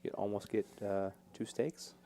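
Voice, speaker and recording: A man's voice: fairly low pitch, steady tone, measured pace, creaky, mellow. A man giving casual, bantering commentary on a poker game.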